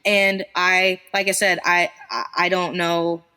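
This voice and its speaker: A woman's voice: lowish voice, level tone, slow pace, bright, forceful tone, clear, resonant tone. A young woman guest telling her story in a candid, chatty, self-deprecating way, laughing often. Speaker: podcast guest, small business founder.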